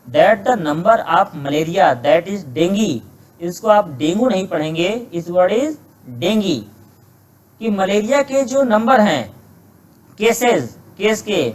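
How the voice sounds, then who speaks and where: A man teaching an exam-prep English grammar lesson. He reads English sentences slowly word by word, then explains them in Hindi, often posing rhetorical questions to himself. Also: sits high, rough recording.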